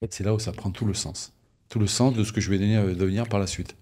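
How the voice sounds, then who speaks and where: Middle-aged man from southern France, low voice, casual interview, lively storytelling, mimics other people. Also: fast, slightly rough. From Toulon, southern France. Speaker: interview guest, former rugby prop.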